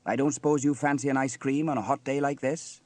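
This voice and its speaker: A man's voice: medium pitch, fairly even intonation, fast, darkish tone, no room sound, pitched above the performer's own voice, natural voice. A man voicing a cheerful, kindly inventive fireman uncle with a hearty manner in a children's story. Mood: resigned, kindly. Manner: hearty, exclaiming.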